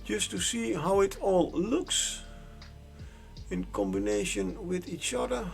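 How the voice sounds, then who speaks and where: Man streaming his hobby painting, high gravelly voice, slow rambling talk, faint music behind. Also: wildly swooping pitch. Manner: rambling, self-correcting, jokey asides. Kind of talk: casual live-stream painting commentary. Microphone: desk microphone.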